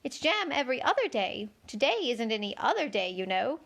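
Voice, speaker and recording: A flustered, helpless storybook queen, all pins and worry , played by a woman reading aloud. She speaks in a high, plaintive flutter that climbs toward a squeak when she gets excited. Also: fairly quick. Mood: fussy.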